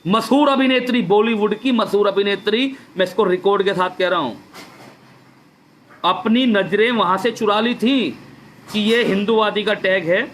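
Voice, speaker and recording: A man's voice: high voice, normal speed, a bit bright, a little hiss or hum. A man giving an impassioned address to viewers on a live stream, repeating his key phrases for emphasis. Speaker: political speaker on a social media live stream.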